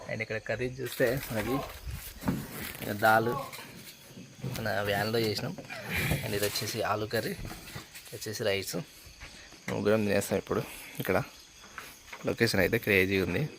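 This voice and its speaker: A man casually narrating a travel vlog outdoors at a garage workshop at night, mixing English words into his talk. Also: lowish voice. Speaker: travel vlogger.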